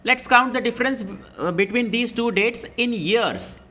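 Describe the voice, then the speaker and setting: A man's voice: very high voice, moderate pace, pushed and bright. A man in his twenties explaining step by step in a spreadsheet tutorial. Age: 20s. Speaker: instructor. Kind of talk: screen-recorded spreadsheet tutorial.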